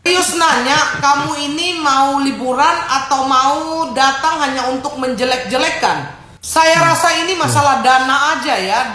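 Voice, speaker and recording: A woman's voice: high voice, pushed and bright. A woman giving a scolding video commentary, sarcastic and lecturing, firing off rhetorical questions. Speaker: TikTok commentator. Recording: echoey room.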